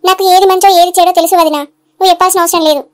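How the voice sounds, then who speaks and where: A woman's voice: very high voice, steady tone, rapid-fire. A woman voicing a defiant young sister-in-law in a cartoon, curt and scolding.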